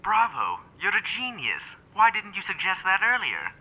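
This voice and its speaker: A man's voice: high voice, wildly swooping pitch, moderate pace, noisy background. A man voicing a dry, sarcastic young male soldier and ladies' man in a game-video comedy. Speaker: squad soldier. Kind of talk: amateur machinima voice acting.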